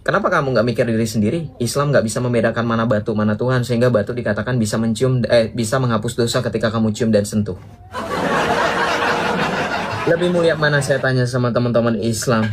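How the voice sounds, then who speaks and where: A man's voice: medium pitch, quick pace, heavy background noise. A man giving a polemical religious monologue to viewers, mocking and combative, chuckling at his own jabs and firing rhetorical questions at listeners. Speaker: religious teacher.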